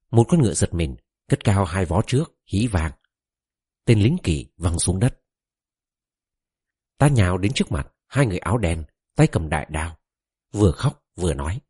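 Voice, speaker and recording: A man's voice: deep voice, mellow, breathy edge, dry recording, studio quality. A man reading a novel aloud in the first person, telling the story expressively and giving the quoted characters their own voices. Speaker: audiobook narrator.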